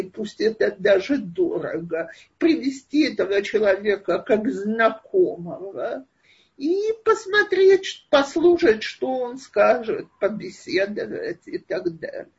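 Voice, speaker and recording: A woman's voice: mid-range voice, slightly rough, highs cut off. A woman giving an online lecture and answering questions in a thoughtful, hesitant way, recorded over a video call.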